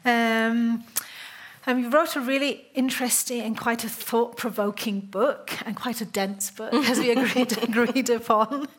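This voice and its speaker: A woman's voice: fairly high pitch, fairly even intonation, a little slow. A woman interviewing an author at a book talk, speaking hesitantly with many fillers.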